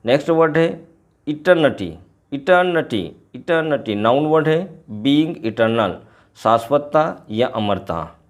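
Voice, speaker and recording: Man teaching words slowly. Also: fairly high pitch, lively intonation. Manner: repeats each word slowly, then gives English and Hindi meanings. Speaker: English teacher. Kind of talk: explaining a poem's glossary word by word in a lesson.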